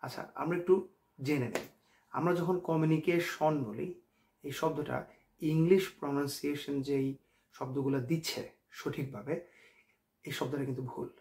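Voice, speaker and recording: A man with a Bangladeshi accent teaching English pronunciation, stretching example words out slowly and dropping in casual jokes. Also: on the high side, fairly even intonation, darkish tone. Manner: slow, drawn-out example words; casual, joking asides. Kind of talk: pronunciation lesson.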